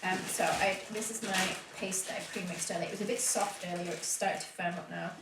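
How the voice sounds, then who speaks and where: A woman with a fairly low pitch and steady tone talks briskly through a live cake-decorating tutorial at home. Her hay-fever nose is sniffly, and she chats casually, explaining as she works and using many fillers. The recording is distant and roomy, with slight noise.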